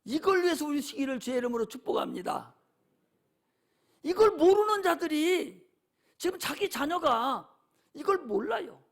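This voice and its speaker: Impassioned, high-voiced male pastor preaching. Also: very animated, moderate pace, gravelly, pauses often. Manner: impassioned, emphatic, repetitive preaching. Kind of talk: sermon. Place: church sanctuary.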